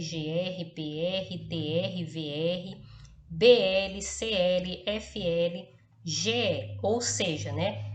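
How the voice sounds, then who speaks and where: Patient woman teacher, echoey room. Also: mid-range voice. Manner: patient, tags nearly every phrase with "tá?" and "ok?"; slow and deliberate, spelling out letters one by one. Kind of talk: recorded class lesson. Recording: echoey room, faint background hiss.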